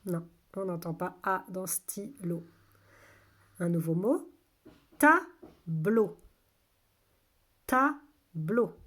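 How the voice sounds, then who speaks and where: A woman teaching a phonics lesson to young children, saying each word slowly twice in an exaggerated way, patient and clear. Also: on the low side, steady tone, a little mellow. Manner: slow, exaggerated word pronunciation. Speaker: kindergarten teacher.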